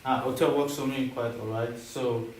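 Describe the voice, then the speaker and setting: A man's voice: medium pitch, fairly even intonation, normal speed, darkish tone, distant mic, a little hiss or hum. Blunt, impatient man in an echoey room. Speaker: learner quizzing an AI. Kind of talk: casual chat.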